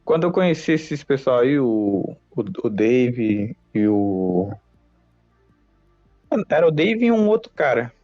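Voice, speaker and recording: A man's voice: mid-range voice, slow, no echo. Brazilian guy streaming, chill slangy chat, dry dull mic, game music under it. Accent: Brazilian Portuguese. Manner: relaxed slangy talk with many restarts. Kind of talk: casual gaming chat.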